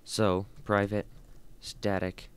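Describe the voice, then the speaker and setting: A man teaching programming with a low, smooth voice, talking into a desk microphone. He sounds tired and thinks aloud, filling pauses with "um" and "uh" as he slowly reads out lines of code. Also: flat delivery. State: tired and yawning. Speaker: programming tutorial host. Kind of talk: casual screen-recorded coding lesson.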